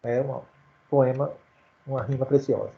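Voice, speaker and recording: A man's voice: mid-range voice, steady tone, normal speed, creaky. A man giving an informal lecture on poetry and reading poems aloud, often restarting his sentences with filler sounds. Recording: dull lo-fi recording.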